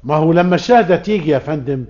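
An actor playing a deferential defense lawyer in a classic radio drama, pleading in Egyptian Arabic. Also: male voice, fairly high pitch, expressive, racing, darkish tone, natural voice. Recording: lo-fi old radio recording.

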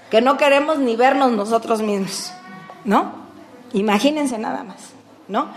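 An older woman with a Mexican accent preaching a folksy, conversational sermon, calling her listeners "brothers" and swinging between loud and hushed. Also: high voice, roomy sound. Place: church hall.

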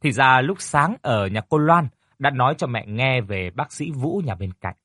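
A man's voice: medium pitch, lively intonation, moderate pace, a bit bright, no room sound, clean studio sound. A man voicing a frantic, tearful mother. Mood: curious. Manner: anxious, fussing, pleading. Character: worried, tearful middle-aged mother.

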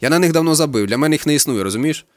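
A man's voice: on the high side, expressive, rapid-fire, dry recording, clean studio sound, pitched above the performer's own voice, close to an everyday voice. A man doing a blunt, slangy young guy. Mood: irritated. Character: crude young man, cheerful camp worker.

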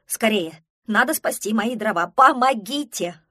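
A panicky male woodland creature from a storybook, loud, breathless and frantic, as a woman puts him on. His voice is husky and dry. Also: fairly high pitch, animated, fairly quick, no echo, pitched above the performer's own voice. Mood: panicked. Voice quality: yelling, breathless.

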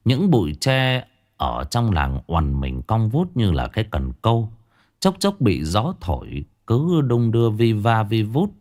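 Low-voiced man telling a ghost story. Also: wildly swooping pitch, a little slow, darkish tone. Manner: dramatic, swinging delivery. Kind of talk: spoken ghost story narration.

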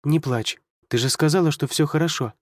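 A frightened young girl, high and pleading, who cries out and begs in panic, voiced by a man. Her voice sits well above a man's usual range and strains with distress. The sound is close and dry. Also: a little fast, a little mellow, dry recording, lightly acted. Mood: soothing.

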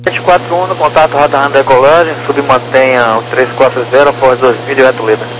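A man's voice: medium pitch, fairly even intonation, a little fast. A man with a Brazilian accent working as an air traffic controller, giving clipped instructions in the manner of crackly military radio. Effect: aviation radio transmission. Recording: crackly, humming, noisy aviation radio.

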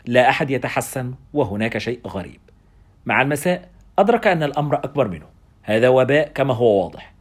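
Male narrator, husky, animated, dramatic first-person storytelling. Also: mid-range voice, quick pace. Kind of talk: audiobook narration.

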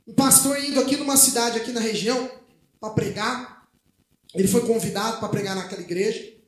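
A man preaching in Brazilian Portuguese with a strikingly high voice. His sermon is conversational and full of anecdotes. The sound is roomy and echoey, taken from a live church service. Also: fairly even intonation, brisk. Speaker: pastor.

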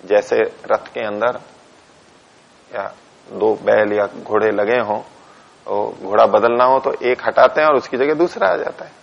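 A man's voice: on the low side, a little slow, vocal fry. A man teaching a class on a philosophy text. He reads Sanskrit lines aloud, explains each one in Hindi, dictates punctuation to the students and answers his own questions. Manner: asks questions to the class and answers them himself. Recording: dull lo-fi lecture recording.

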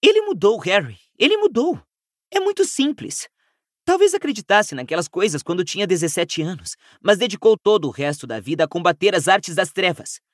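Brief: Brazilian man doing an earnest teen witch girl for an audiobook, pleading, voice swooping lively and raised. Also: fairly high pitch, normal speed, dry recording, clean studio sound, pitched above the performer's own voice. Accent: Brazilian Portuguese. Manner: pleading, explaining patiently. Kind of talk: audiobook character voice.

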